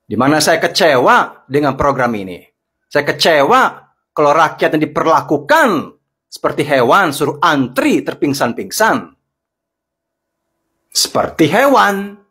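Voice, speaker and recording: A man's voice: fairly high pitch, very animated, measured pace, fairly bright tone, breathy edge. A middle-aged man delivering a sarcastic, indignant monologue rebutting critics of him online. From Indonesia. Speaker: social media commentator.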